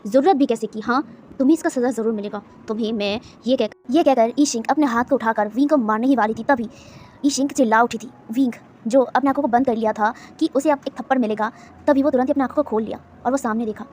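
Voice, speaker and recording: A woman's voice: fairly high pitch, fast talker, darkish tone, slight background noise. A woman narrating a fan fiction story with emotive, repetitive retelling.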